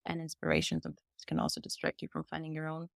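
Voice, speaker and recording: Rapid-fire and sing-song, this woman's low-pitched, creaky voice comes through in studio quality with no echo. A Vienna-born singer-songwriter in her twenties with German as her first language, she answers a podcast interviewer earnestly and candidly, sharing her personal story.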